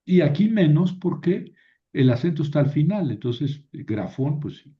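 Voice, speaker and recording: A man's voice: on the high side, animated. A man teaching a Biblical Greek class, explaining patiently and often checking with his students. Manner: slow, patient explaining with frequent "¿verdad?" checks. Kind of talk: classroom lecture. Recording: dull lo-fi classroom recording.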